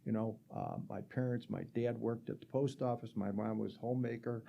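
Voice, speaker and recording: A man's voice: mid-range voice, fairly even intonation, moderate pace, gravelly, dark tone, dull audio, slight background noise. A man in his sixties from the Rochester area of New York, telling his life story as a guest in a casual, rambling way with many fillers. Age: 60s. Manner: chatty, rambling, frequent fillers and restarts.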